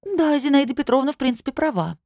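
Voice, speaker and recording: A woman's voice: high voice, animated, fast, dark tone, dry recording, studio quality, voice pushed up. A woman voicing an eager, fussy older woman keen on shopping, in an audiobook. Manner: eager, agreeable.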